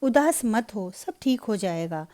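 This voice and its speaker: A woman voicing a calm, steady young husband in a Hindi storybook reading, with a soft, warm voice. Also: mid-range voice, measured pace, close to an everyday voice.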